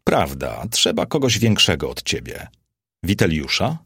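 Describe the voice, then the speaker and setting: A man's voice: sits low, very animated, unhurried, gravelly, a bit bright, slightly rough, no echo, clean studio sound, full character voice. A man voicing a capricious, vain Roman emperor who declaims theatrically.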